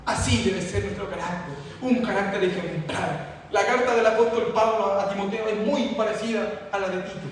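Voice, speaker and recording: A man with a high voice preaches a fervent sermon, circling back on his phrases. He sounds far from the mic in a church hall with long echo. Faint noise sits under his voice. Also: normal speed, hardly any pauses. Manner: fervent, repetitive preaching with rising emphasis. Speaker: pastor.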